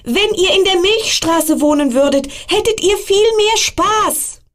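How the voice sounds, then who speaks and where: A woman voicing a lonely little boy star in a storybook tale, in a high pleading child's voice. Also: lively intonation, a little slow. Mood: eager pleading.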